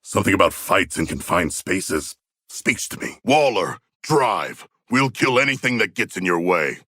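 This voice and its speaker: A man playing a hulking shark-man warrior in a video game, with a rough gravelly voice and stilted, formal, proudly bloodthirsty yet earnest speech. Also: deep voice, sing-song, a little slow, sharp tone, dry recording, clean studio sound, full character voice. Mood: dry, deliberate. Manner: stilted formal diction, grandiose, literal-minded. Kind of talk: video game character voice lines.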